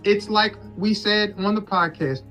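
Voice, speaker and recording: A man with a high, bright voice argues forcefully on a phone call, unhurried as he insistently lectures and lays out his point. The recording is a leaked call with music underneath.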